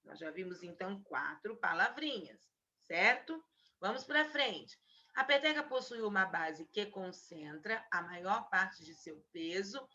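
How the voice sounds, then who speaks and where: A woman teacher giving a remote spelling lesson to children on a video call, slowly stretching out each word she dictates. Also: medium pitch, animated, sharp tone. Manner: patient, drawn-out dictation of single words. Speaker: primary school teacher. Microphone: video call mic. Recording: dull lo-fi video call audio.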